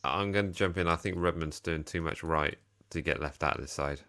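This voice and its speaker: A man's voice: extremely low pitch, fairly quick, bright, forceful tone. A young man co-hosting a casual football fan show, chatting and reading out viewer comments. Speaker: co-host of a football fan channel. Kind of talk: casual chat.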